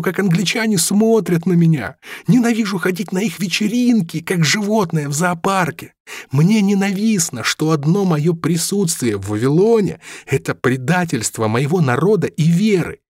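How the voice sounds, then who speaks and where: A man reading aloud voices a hot-tempered young male student who shouts bitter outbursts. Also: sits high, no echo, studio quality, pitched above the performer's own voice.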